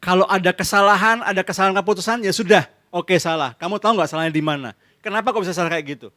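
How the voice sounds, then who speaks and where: An Indonesian-accented pastor preaches to a church congregation in a fairly high voice. He questions his listeners and answers his own questions, acts out husbands and wives, and drops English phrases into the sermon. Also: racing. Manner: lively, asks the congregation questions and answers them himself; mixes in English phrases and acts out couples' arguments. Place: church service.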